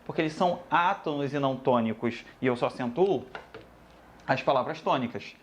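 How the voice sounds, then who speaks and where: A man's voice: medium pitch, fairly quick, slight background noise. A man teaching a grammar lesson, addressing students casually and repeating each rule. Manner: lively, addresses students as "galera", repeats rules.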